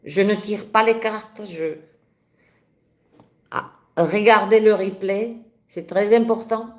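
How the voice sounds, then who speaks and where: A woman's voice: medium pitch, slow. A woman with a French regional accent, speaking passionately and spontaneously as the host of a spiritual live stream, with frequent restarts. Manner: passionate, animated, with many restarts. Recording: echoey room.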